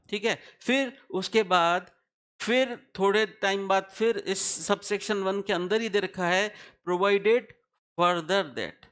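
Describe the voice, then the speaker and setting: This tax law teacher has a voice that sits high and sounds a bit bright. Lecturing to his class, he walks through the material one step at a time, regularly quizzing students to confirm they're keeping up.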